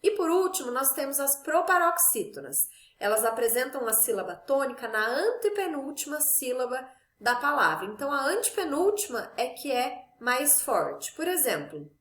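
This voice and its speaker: A woman with a fairly high voice talks young pupils through a grammar lesson, slowly stretching the stressed syllables of her example words. The sound is echoey, as if she is in a bare room. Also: fairly bright tone. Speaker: teacher. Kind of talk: recorded Portuguese class for children.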